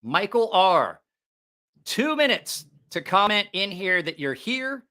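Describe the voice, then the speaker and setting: Hyped, bright-voiced man announcing a giveaway. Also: sits high, very animated, slow. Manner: rambling, repeating phrases. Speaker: livestream host running a giveaway. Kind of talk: casual live-stream chat.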